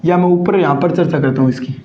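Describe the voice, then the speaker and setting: A man's voice: on the high side, fast talker, dark tone. A male English teacher, lecturing a class and constantly answering his own rhetorical questions. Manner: repeats rhetorical questions and answers them himself. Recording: echoey room, dull lo-fi sound.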